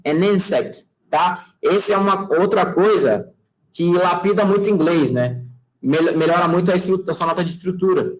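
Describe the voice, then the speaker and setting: A man's voice: high voice, rough recording. A man with a Brazilian Portuguese accent teaching English in a casual classroom style. He keeps checking in with his students and drops folksy sayings as he goes. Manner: checks in with students constantly, asking "tá?" and "fechou?"; relaxed and chatty, using folksy sayings.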